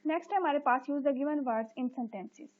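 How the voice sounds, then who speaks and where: A woman teacher walks through an exercise in a recorded lecture. She reads each English sentence slowly in a fairly high voice and keeps saying "okay" as she explains. The sound is thin and tinny, like a phone line. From Pakistan.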